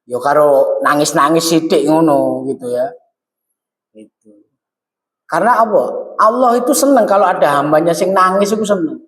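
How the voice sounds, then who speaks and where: An East Javanese preacher delivers a lively sermon, his voice pitched high and climbing higher as he exhorts. He slips Javanese phrases into his talk. The recording rings with the long echo of a large hall. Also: moderate pace, long pauses. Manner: animated, swings high when exhorting, mixes Javanese into Indonesian. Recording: echoey hall, long reverb.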